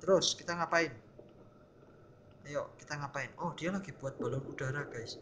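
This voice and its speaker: A man's voice: fairly high pitch, moderate pace, a bit bright, a little hiss or hum. A young man giving casual, tense commentary on a horror game he is playing, talking to his viewers. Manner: jumpy, tense, keeps addressing viewers as guys. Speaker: gameplay streamer.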